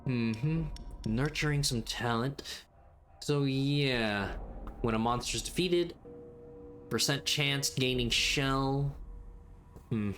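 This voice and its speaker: A man's voice: medium pitch, takes it slowly, long pauses, fairly bright tone, a little hiss or hum. A man hosting a gaming video, thinking aloud in casual, hesitant commentary as he plays. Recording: game music behind the voice.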